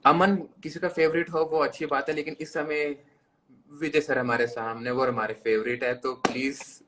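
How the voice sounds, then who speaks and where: A man's voice: a little high, fairly even intonation, normal speed, fairly bright tone, a little hiss or hum. A man hosting a podcast interview, asking questions politely and deferentially, addressing his guest as sir. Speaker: podcast host.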